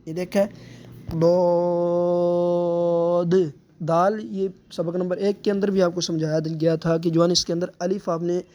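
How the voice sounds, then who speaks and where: High-voiced man teaching Quran reading. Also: level tone, darkish tone. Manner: patient explaining, drawing out letter sounds slowly. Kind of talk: step-by-step recitation lesson.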